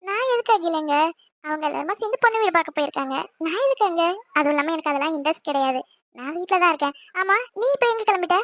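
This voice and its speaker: A woman playing a breezy, teasing young woman in a cartoon. The voice is high and quick, close and dry. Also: lively intonation, a bit bright, no echo. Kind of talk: cartoon voice acting.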